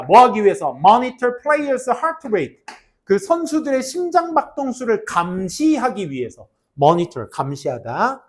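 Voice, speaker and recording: Lively, high-pitched Korean-style classroom teacher. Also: male voice. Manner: animated, jokey, teasing students between grammar points. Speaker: English teacher. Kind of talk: classroom lecture with banter.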